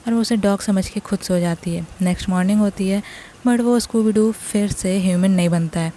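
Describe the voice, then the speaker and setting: A woman's voice: mid-range voice, normal speed, warm tone, a little hiss or hum. A woman narrating a drama recap in a chatty way, retelling it scene by scene. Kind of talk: casual story recap.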